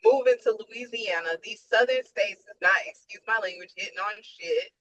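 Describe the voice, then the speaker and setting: Female caller, weary and blunt, bright voice, video-call audio. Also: mid-range voice, moderate pace, highs cut off. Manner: tired, frank, emphatic. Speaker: nurse and webinar attendee. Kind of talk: casual venting on a video call.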